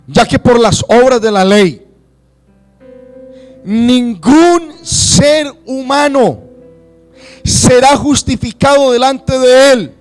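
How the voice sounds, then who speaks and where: A Colombian man preaching a sermon to his congregation, rising to shouts and acting out churchgoers' excuses. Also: high voice. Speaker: pastor.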